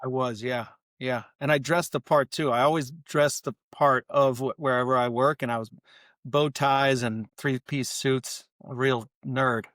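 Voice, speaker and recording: A man's voice: mid-range voice, steady tone, measured pace, a bit bright, no echo. Male podcast guest, mid-range voice, wry self-deprecating humor, casual chat, dry close sound.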